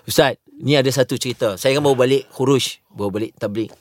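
A man's voice: mid-range voice, quick pace, dry recording, studio quality. A man with a Malaysian Malay accent, co-hosting a casual podcast chat and telling stories animatedly, mixing in English words. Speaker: co-host.

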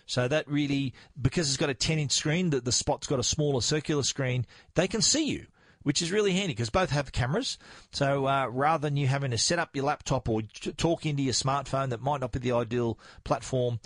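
An Australian man hosts a tech podcast in a loose, chatty way, often restarting his sentences and filling pauses. His voice sits at an ordinary middle pitch. The recording is dry and close, with no room sound. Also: dry recording. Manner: chatty, lots of restarts and fillers. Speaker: podcast host. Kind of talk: casual podcast talk.

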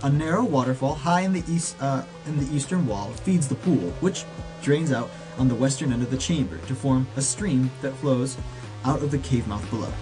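A man narrating as game master of a tabletop role-playing game, describing scenes in a relaxed, chatty way and laughing easily. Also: mid-range voice, normal speed, poor audio. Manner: relaxed, laughs often, restarts phrases. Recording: music clearly behind the voice.

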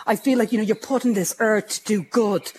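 A woman from Ireland tells her own story with candid, self-mocking humor. She has a speech impediment and carefully breaks hard words down as she says them. Her voice sits in an ordinary middle pitch. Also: a little fast, a little mellow, a little hiss or hum. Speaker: interviewee. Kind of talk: personal storytelling.

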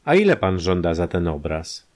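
A man's voice: sits low, very animated, moderate pace, a little mellow. A man voicing a wealthy American tennis player who asks casual, eager questions. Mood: curious. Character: rich, carefree male American tennis star.

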